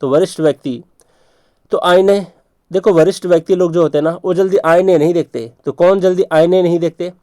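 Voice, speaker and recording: A man's voice: high-pitched, steady tone, a little fast, mellow, no echo. A man teaching vocabulary tricks for exams, repeating points and checking in with rhetorical questions. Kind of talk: exam vocabulary lesson.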